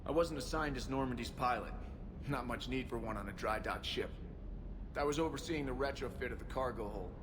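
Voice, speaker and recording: An actor playing an earnest, dutiful male shuttle pilot who speaks calmly and formally. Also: mid-range voice, fairly quick, close to an everyday voice. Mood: steady. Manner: calm, even, formal military delivery. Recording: game audio with ambient noise behind.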